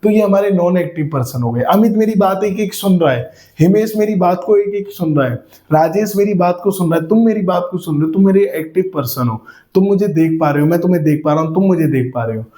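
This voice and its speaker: A man's voice: high-pitched, lively intonation, fast, mellow, echoey room. A man teaching a grammar lesson to a class, explaining by asking questions and repeating simple examples.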